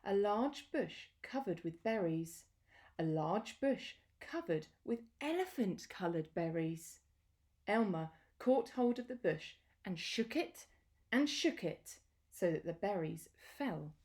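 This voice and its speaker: A woman reads a children's picture book aloud, slow and expressive like a storyteller, pausing along the way. Her voice is mid-range.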